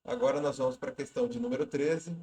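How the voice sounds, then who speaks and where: A man explains exam questions step by step in an easygoing lesson voice. He restarts phrases as he thinks aloud. The room around him adds a clear echo. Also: mid-range voice, fairly even intonation, quick pace, warm tone. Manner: conversational, repeats and restarts words while explaining. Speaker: exam prep teacher.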